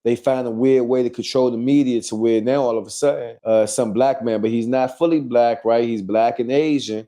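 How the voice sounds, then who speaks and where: Blunt profane man, dark voice. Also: medium pitch. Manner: blunt and profane, rambling with fillers. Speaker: podcast host. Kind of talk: casual chat.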